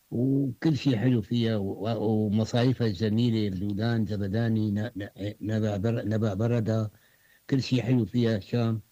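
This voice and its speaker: An older man speaks very fast in a low, dark voice, fond and halting, repeating words. The recording sounds dull and dry, as if made at home. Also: dry recording. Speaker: grandfather. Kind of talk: recorded reminiscence.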